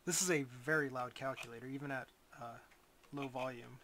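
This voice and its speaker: A man giving a casual, unscripted product review as a reviewer, in a hesitant, rambling way with frequent pauses. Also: medium pitch, steady tone, very noisy. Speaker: reviewer of gadgets.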